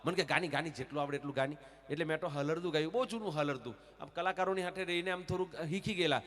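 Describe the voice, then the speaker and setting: A man's voice: on the high side, rapid-fire, big-room sound. A man with a Surati Gujarati accent telling comic stories on stage, acting out dialogue and sometimes singing. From Surat region, Gujarat. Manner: animated storyteller, acts out dialogue, breaks into song. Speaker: stage comedian and folk performer. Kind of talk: live comic storytelling with sung lullabies. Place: stage at a temple festival, live audience.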